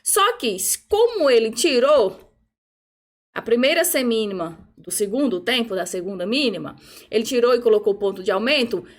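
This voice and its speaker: A woman's voice: a little high, expressive, moderate pace. A woman music teacher patiently explaining a rhythm exercise, checking in often and chanting rhythm syllables. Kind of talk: online music theory lesson.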